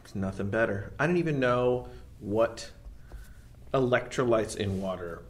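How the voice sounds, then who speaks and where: A man's voice: lowish voice, unhurried. A man co-hosting a podcast in casual chat, joking and laughing often. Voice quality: laughs often, jokey and animated. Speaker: podcast co-host.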